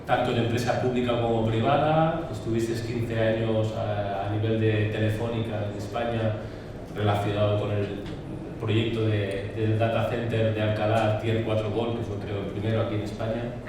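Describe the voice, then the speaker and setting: A man's voice: lowish voice, little pitch movement, moderate pace. A man with an accent from Spain moderating a panel, introducing speakers and asking questions, hesitating as he searches for words. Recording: very echoey hall, distant, noisy.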